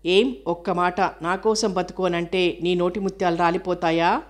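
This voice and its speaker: A woman's voice: lowish voice, flat delivery, normal speed, lightly acted. A woman reading the part of a grieving, clingy young woman who speaks plaintively and with reproach. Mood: reproachful.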